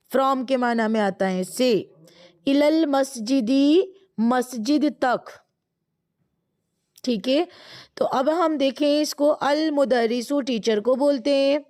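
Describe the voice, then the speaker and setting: A woman with a Pakistani accent teaching an Arabic grammar lesson, who explains in quick bursts and slows right down to recite each word. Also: high voice. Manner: explains in quick bursts, drawls slowly when reciting words.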